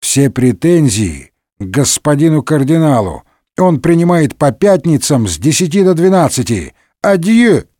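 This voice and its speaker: A man voicing a sly older male musketeer who speaks calmly and mockingly. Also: a little high, unhurried, dry recording, clean studio sound. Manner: calm, mocking.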